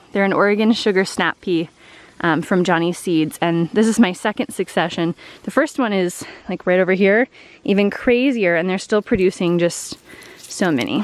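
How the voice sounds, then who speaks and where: A woman's voice: mid-range voice, dry recording. A woman flower farmer chatting casually to the camera while she harvests outdoors, upbeat and full of "like" and "um". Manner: chatty and upbeat, lots of fillers like "like" and "um". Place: outdoors in a flower field on a farm. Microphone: camera set low on the ground.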